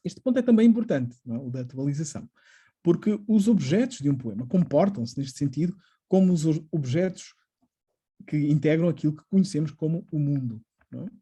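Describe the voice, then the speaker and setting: A man's voice: on the high side, animated, mellow, slightly rough. A middle-aged man giving an academic lecture on poetry, often adding tag questions and hesitant fillers. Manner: frequent tag questions, hesitant fillers, reads quotations slowly. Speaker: literature professor.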